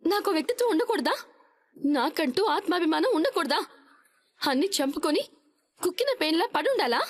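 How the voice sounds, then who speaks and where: An actress playing a wronged, defiant young daughter-in-law in a TV serial, speaking with indignation. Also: female voice, extremely high pitch, sing-song, a little fast. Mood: indignant. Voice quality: indignant, pleading. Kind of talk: TV serial acting.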